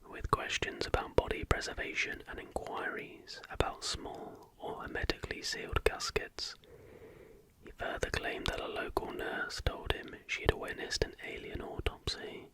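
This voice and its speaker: Whispering softly and deliberately with a breathy tone, a male ASMR host works through a factual script right up against a close recording mic.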